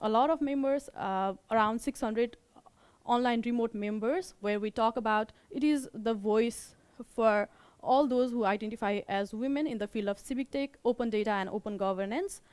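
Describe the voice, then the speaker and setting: As organizer of a meetup, a young Nepali-accented woman gives a casual presentation in a halting manner, frequently restating and rewording what she says. Her voice runs on the high side, slightly mellow and clean, on a dry recording.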